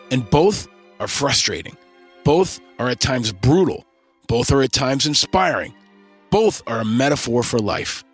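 A man's voice: medium pitch, fairly bright tone, slightly rough. A man hosting a podcast, delivering a scripted monologue in punchy, rallying lists. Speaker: podcast host.

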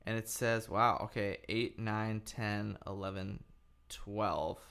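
A man's voice: lowish voice, fairly even intonation, slow pace, vocal fry, a bit bright, clear, resonant tone. A man co-hosting a TV podcast in casual chat, rambling and trailing off, laughing often. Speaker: podcast co-host.

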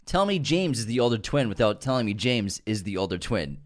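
A man's voice: lowish voice, sing-song, a little fast, noisy background. A man co-hosting a comedy show, chatting casually and reading out listener roasts in a teasing, jokey way that often breaks into laughter.

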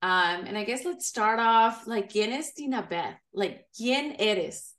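A woman's voice: on the high side, lively intonation, measured pace, a bit bright, reverberant. A woman hosting a podcast interview, chatty and friendly, switching between Spanish and English. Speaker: podcast host. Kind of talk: bilingual casual podcast interview.

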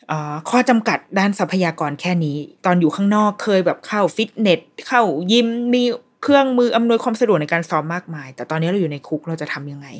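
A woman hosting a podcast, chatting casually as she reviews a TV series, retelling scenes in an animated, restarting way. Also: on the low side.

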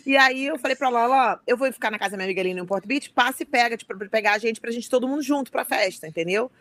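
A woman's voice: fairly high pitch, very fast, fairly bright tone. A woman telling an emotional story in casual chat.

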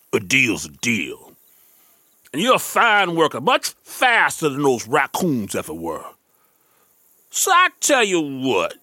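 A lazy, scheming male bear from a children's radio story. He talks slowly and sleepily, his pitch swooping wildly up and down. The voice is bright and dry against faint music. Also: dry recording, exaggerated voice. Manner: drowsy, drawling, smug.

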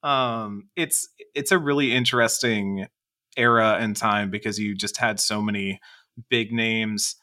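Bright-voiced man chatting on a podcast. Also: lowish voice, fairly even intonation, measured pace. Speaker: podcast co-host. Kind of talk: casual panel discussion.

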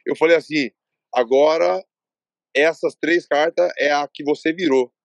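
A man from Brazil chats as a podcast guest, his voice sitting a little high for a man. He rambles through stories and voices the back-and-forth of each exchange. The recording is dry and close, with no room sound. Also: a little slow, gravelly, no room sound. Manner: rambling storytelling, acts out quoted dialogue. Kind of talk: casual interview chat.

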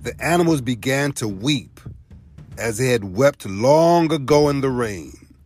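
A man narrating a folk tale, telling it in an expressive storybook style. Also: mid-range voice, unhurried, faint music behind.

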